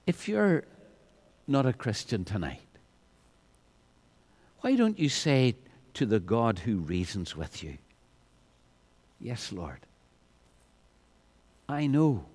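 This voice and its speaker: A man preaching an evangelistic sermon, often repeating words as he starts a phrase and rising to loud peaks. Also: on the low side, big pitch swings, slow pace, long pauses, breathy edge.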